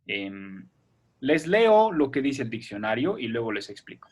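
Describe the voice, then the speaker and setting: A man's voice: medium pitch, big pitch swings, unhurried. A male teacher leads a remote lesson for children, his voice sitting in an ordinary middle range. He explains patiently step by step and keeps checking that the class is following.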